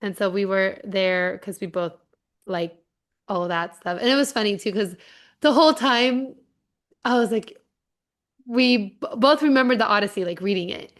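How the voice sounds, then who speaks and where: A woman's voice: medium pitch, moderate pace, long pauses. A young woman co-hosting a podcast in casual chat, easygoing and giggly. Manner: casual, giggly, drops into whispers when retelling. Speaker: podcast co-host.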